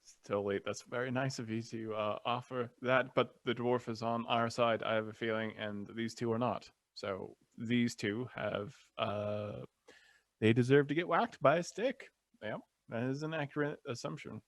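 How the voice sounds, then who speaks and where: A man's voice: mid-range voice, moderate pace, no echo. A man playing a tabletop fantasy game, improvising casually in character.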